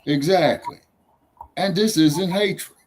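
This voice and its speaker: Slow-drawling man hosting a talk show. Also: a little high, a little mellow, slight background noise. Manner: loose, heckling, drawling asides. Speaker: podcast host. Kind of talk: casual talk show chat.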